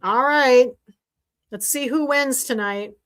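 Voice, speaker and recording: A woman with a fairly high voice hosts a casual sewing livestream from her desk mic. She talks in a rambling, chatty way, full of fillers and restarts. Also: takes it slowly, a bit bright. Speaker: sewing class host. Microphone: desk mic while streaming.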